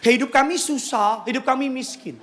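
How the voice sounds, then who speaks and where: Animated joking male preacher. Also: extremely high pitch, moderate pace. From Jakarta. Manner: joking, animated storytelling, often raising his voice. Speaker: pastor. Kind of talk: lively sermon to a congregation.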